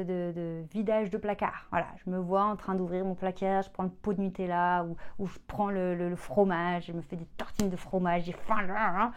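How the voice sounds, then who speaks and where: Expressive French-speaking woman coach. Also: mid-range voice. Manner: expressive, acts out inner dialogues; frequent fillers and restarts, chatty. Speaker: coach for women. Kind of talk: motivational self-help talk.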